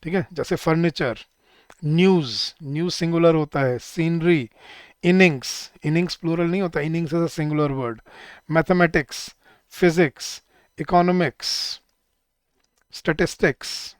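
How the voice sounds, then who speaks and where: A man's voice: fairly high pitch, measured pace, clean tone, no echo, studio quality. A man teaching an exam-prep grammar lesson, listing word pairs and quizzing his students. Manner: lists word pairs, quizzes students, calls them guys. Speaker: English teacher.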